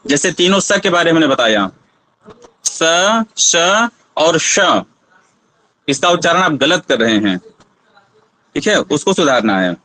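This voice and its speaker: A man's voice: on the high side, sing-song, fairly quick, fairly bright tone, rough recording. A man teaching a Sanskrit pronunciation lesson, patiently asking students to try each sound aloud.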